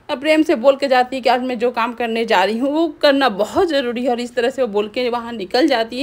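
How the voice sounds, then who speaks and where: Woman casually recapping a soap episode. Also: a little high. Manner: fast retelling with restarts and pointing phrases. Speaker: TV serial recap narrator.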